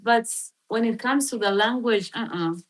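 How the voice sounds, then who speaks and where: This Filipina livestream host has a fairly high voice and talks at normal speed. Her casual chat meanders with plenty of fillers. She thinks out loud and reads search results aloud.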